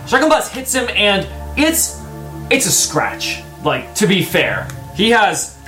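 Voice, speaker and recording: Halting, bright-voiced man running a tabletop game. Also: sits high, wildly swooping pitch. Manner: halting, self-correcting storytelling. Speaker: game master. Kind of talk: improvised narration of a tabletop role-playing game. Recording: echoey room with music behind. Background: background music.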